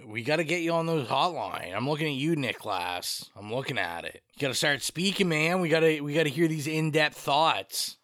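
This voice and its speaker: A man's voice: fairly high pitch, expressive, a little fast, hardly any pauses, fairly bright tone, dry recording, clean studio sound. A man co-hosting a podcast, chatting casually and reading out listener responses, with plenty of fillers and restarts. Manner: rambling with many fillers and restarts.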